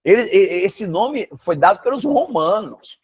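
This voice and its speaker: With a breathy edge to a voice that sits high, a man with a Brazilian Portuguese accent speaks unhurriedly in a casual video-call lesson with one student. He's animated and emphatic, exclaiming and posing rhetorical questions.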